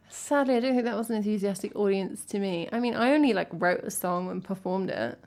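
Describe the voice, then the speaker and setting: Her mid-range voice has a darkish tone and moderate pace as this English singer-songwriter, home on cabled headphones, casually banters with stream viewers between songs in a teasing, self-deprecating way.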